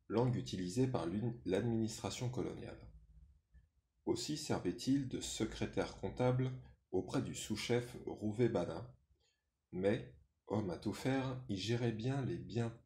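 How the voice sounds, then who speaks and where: A man reading a first-person memoir aloud in a measured, sober way. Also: lowish voice, warm tone. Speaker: reader. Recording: roomy echo.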